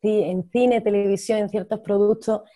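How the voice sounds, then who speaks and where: An actress working abroad speaks in a casual interview, candid and lively. Her voice sits at a middle pitch with a warm, mellow tone. The recording is dry. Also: moderate pace, dry recording. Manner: animated, candid, laughs between thoughts.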